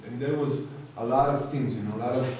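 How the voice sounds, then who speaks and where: Man, Croatian accent, thirties, halting and searching for words, mellow dark voice, distant mic in a very echoey hall. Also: mid-range voice, slight background noise. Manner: halting, searching for words, frequent "you know". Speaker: recovering addict giving testimony. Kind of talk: personal testimony talk.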